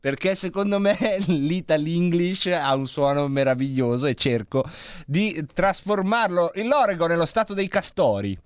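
A man's voice: fairly high pitch, expressive, normal speed, smooth, dry recording. A man hosting a radio show, talking in a playful, joking, digressive comic monologue into a studio microphone. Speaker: radio host.

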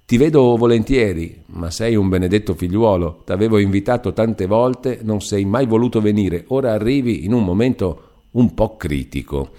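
A man's voice: lowish voice, normal speed, dark tone, natural voice. A man voicing a chatty, good-natured cousin. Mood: welcoming. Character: warm-hearted talkative male cousin, a mill foreman. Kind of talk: audiobook character voice.

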